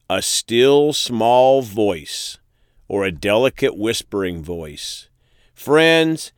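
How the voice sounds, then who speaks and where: A man's voice: mid-range voice, a bit bright, no room sound, studio quality. A man preaching a sermon, reading scripture verses aloud and then speaking to his listeners as friends and folks.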